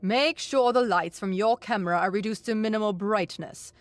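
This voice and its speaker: A woman voicing an older male alien professor who talks in a hushed, urgent whisper, with a changed timbre, in a storybook reading. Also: medium pitch, moderate pace, natural voice. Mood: hushed eager.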